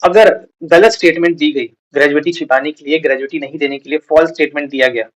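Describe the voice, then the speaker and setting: A man teaching an exam prep lecture, reading English points slowly and then explaining them casually with fillers. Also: fairly high pitch, low-quality recording. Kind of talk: lecture mixing Hindi and English.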